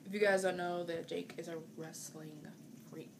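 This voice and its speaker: A woman's voice: lowish voice, fairly even intonation, normal speed, vocal fry. A woman in her twenties chatting casually with her partner for her vlog, rambling with lots of fillers. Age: 20s. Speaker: vlogger. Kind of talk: casual chat. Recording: noisy home video.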